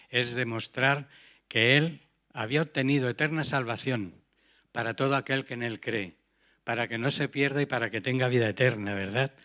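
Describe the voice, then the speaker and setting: A man's voice: mid-range voice, pushed and bright. Earnest male preacher. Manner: earnest, rhetorical questions to the congregation. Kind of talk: sermon.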